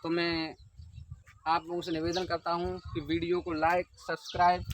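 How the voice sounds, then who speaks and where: Man, teacher, high voice, call-and-response drilling, birds and outdoor noise behind. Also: monotone, moderate pace. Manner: asks questions and answers them himself; stretches words to show calling out. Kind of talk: exam-prep lesson with call-and-response.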